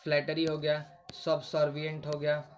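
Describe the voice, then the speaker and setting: A man's voice: on the high side, completely flat delivery, normal speed, a little hiss or hum. Man, vocab teacher, repeats words, quizzes himself aloud. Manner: repetitive, asks questions then answers them. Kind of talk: casual Hindi vocabulary lesson.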